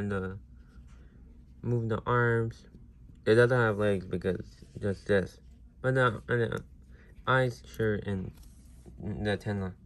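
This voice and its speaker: A man giving a casual, unscripted toy review, rambling with many fillers and restarts and getting loud at times. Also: mid-range voice. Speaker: Lego reviewer. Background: faint household noise.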